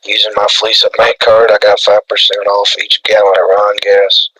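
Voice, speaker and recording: Guy doing a paranoid redneck radio host, folksy drawl, monotone, raspy n sharp. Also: lowish voice, moderate pace, slight background noise, poor audio. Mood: salesman-like. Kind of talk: improvised comedy radio role-play.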